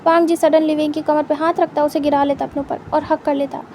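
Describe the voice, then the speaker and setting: A woman reading fan fiction aloud as a storyteller, in an even, unhurried way. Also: sits high, a little hiss or hum.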